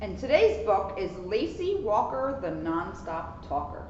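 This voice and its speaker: A young adult woman with a mid-range, darkish voice reads a children's book in a very animated, unhurried way, chatting with talkative asides along the way. She's a police officer in an indoor lounge at a borough hall. The echoey room muffles the sound, and there is some noise.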